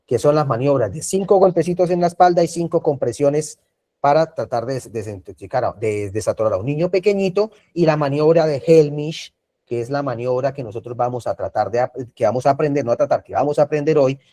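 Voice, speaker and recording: A man with a Colombian Spanish accent teaches an online first aid class. His voice is mellow and dark in tone. He talks over a video call and keeps asking whether his students follow. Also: medium pitch, animated, brisk. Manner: repetitive, checks in with frequent tag questions.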